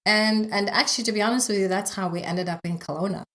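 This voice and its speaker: A woman's voice: mid-range voice, fast, a bit bright. A middle-aged woman from South Africa with a South African accent, telling her story casually as an interview guest, with frequent fillers and light laughs. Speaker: guest, yoga instructor.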